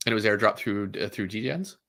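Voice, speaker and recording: A low, gravelly man hosts a casual livestream. He rambles with lots of fillers and quick apologies, and he laughs easily. His voice sits deep and crackles with fry throughout. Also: sharp tone. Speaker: livestream host.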